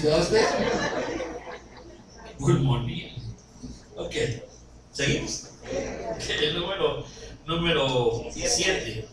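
A man preaching a sermon, animated and often asking his congregation questions. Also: fairly high pitch. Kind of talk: sermon with anecdotes and jokes. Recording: echoey hall recorded from far off, noisy.

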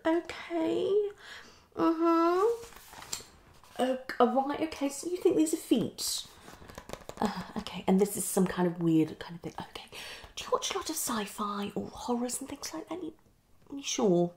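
A young woman with a high, animated, slightly slow and mellow voice improvises a fast, unscripted ASMR roleplay as a psychologist, sounding questioning and hesitant and often repeating short phrases. Recorded indoors in a small room at home, with a faint hiss or hum.

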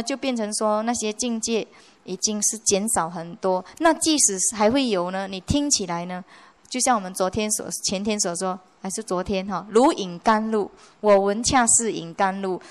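A woman teaches a sutra to her listeners in a relaxed, conversational way. Her voice sits at an ordinary middle pitch, and she drops English words into her talk and keeps checking whether her listeners follow. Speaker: Buddhist nun lecturing on a sutra. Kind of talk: dharma lecture. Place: monastery hall.

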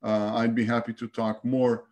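A middle-aged man giving an online academic presentation in a measured, explanatory and somewhat hesitant manner. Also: medium pitch, flat delivery, a little mellow. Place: small indoor room, on a video call.

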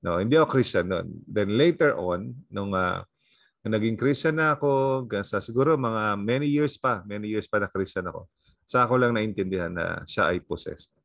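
A man's voice: on the low side, moderate pace, gravelly, fairly bright tone, no echo. A man with a Filipino accent, a pastor leading an online prayer meeting, talking conversationally with many fillers and tag questions. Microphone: video call.

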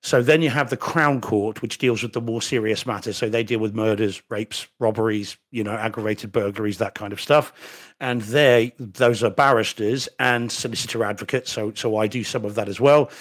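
The co-host of a home theater podcast, a middle-aged New Zealand solicitor, speaks in a fairly low voice at normal speed. Chatting casually and carefully from a room at home, he makes dry asides and restarts, heard through a desk microphone on a video call.

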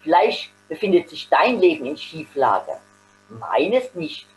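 A woman's voice: low voice, very animated, slow, slight background noise, heavily acted, poor audio. A woman reading aloud voices an indignant working man in a story, her tone insistent and a bit raised.

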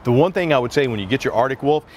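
A man's voice: medium pitch, expressive, rapid-fire, slight background noise. Upbeat man giving an outdoor walkaround. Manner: upbeat, conversational salesman patter. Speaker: RV sales presenter. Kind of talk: walkaround product review. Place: outdoors on an RV sales lot.

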